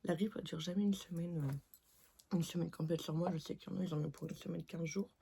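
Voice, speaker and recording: A young woman talks casually to her vlog audience in a lowish, soft-edged mellow voice. She rambles informally, leaning on fillers as she goes. Faint household-level noise sits behind her. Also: steady tone, brisk, vocal fry. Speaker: vlogger, mother. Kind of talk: casual vlog chat to viewers. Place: at home.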